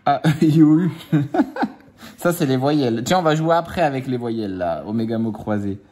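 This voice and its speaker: A mid-range, somewhat mellow male voice belongs to a scratch-card vlogger relaxing at home. With his children around, he scratches tickets, teases them in fun, and stretches the numbers as he counts.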